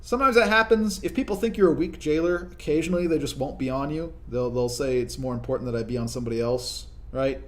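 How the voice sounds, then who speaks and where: A young man giving casual, explanatory commentary over his own gameplay, often tagging his points with quick check-ins to the listener. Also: medium pitch. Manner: conversational, explanatory, frequent "right?" tag questions. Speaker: gaming video commentator.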